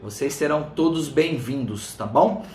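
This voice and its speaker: A man's voice: medium pitch, normal speed, darkish tone. A Brazilian man hosting a casual live stream, chatting informally to viewers by name, his speech slightly thick from a swollen tongue. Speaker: live stream host, fitness coach. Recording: roomy, echoing room sound.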